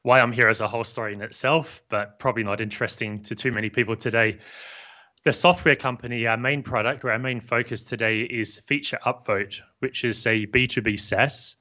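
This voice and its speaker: A New Zealand man in his fifties, a software founder, calmly talks through his business in a casual interview. His medium-pitched voice is measured and friendly, explaining things plainly. He's in a home office using a boom-arm studio mic and headphones, and the audio sounds slightly dull and lo-fi.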